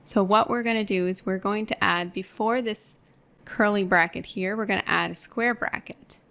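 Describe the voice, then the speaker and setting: A woman's voice: medium pitch, fairly even intonation, moderate pace, vocal fry, sharp tone. A woman teaching an online course, explaining each step patiently while working through a screen-recorded tutorial at her computer.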